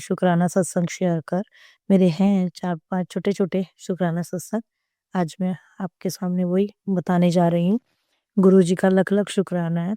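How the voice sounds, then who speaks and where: Young woman, devotee, earnest testimony; lowish flat voice, dry close sound. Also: no echo. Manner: earnest, reverent, with frequent restarts.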